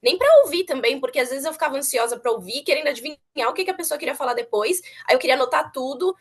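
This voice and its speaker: A woman's voice: high-pitched, racing. Earnest chatty young woman. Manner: chatty, earnest, repeats words for emphasis. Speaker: former student interviewee. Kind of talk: casual interview chat.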